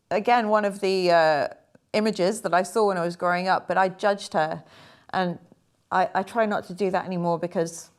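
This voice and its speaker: Woman, low-ish voice, rambly and chatty, lots of ums, talking about her art. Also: clear, resonant tone. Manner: chatty, rambling, hesitant with fillers. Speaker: artist talking through her paintings. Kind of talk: casual chat.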